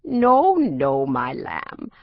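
A woman's voice: a bass voice, wildly swooping pitch, drawn-out words, dry recording, muffled recording, voice pushed down, heavily acted. A woman doing a fond, scolding old housekeeper. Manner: scolding fondly. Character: elderly woman housekeeper, fond and mock-stern.

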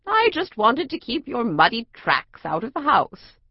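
A woman's voice: on the high side, huge pitch swings, unhurried, no room sound, dull audio, pitched above the performer's own voice, exaggerated voice. A woman voicing an elderly, roly-poly housekeeper who scolds the children fondly. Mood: fond scolding. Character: elderly woman housekeeper, fond and mock-stern.

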